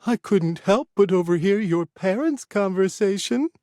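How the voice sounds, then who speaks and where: A mischievous old woman who talks over everyone, put on by a male narrator. She sits lifted well above his usual register, bright and a touch loud, chatty and teasing in a storybook reading. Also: sits high, animated, a little slow, dry recording, studio quality, pitched above the performer's own voice.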